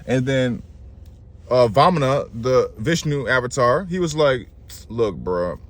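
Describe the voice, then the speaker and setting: A man's voice: mid-range voice, a little slow. A man casually retelling a myth in slangy, rambling talk, often correcting himself. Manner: slangy, self-interrupting, lively. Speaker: astrology channel host.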